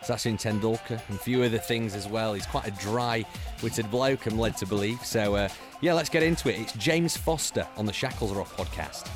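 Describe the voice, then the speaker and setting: Lowish man hosting, music behind. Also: moderate pace, hardly any pauses. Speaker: podcast host. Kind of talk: casual chat.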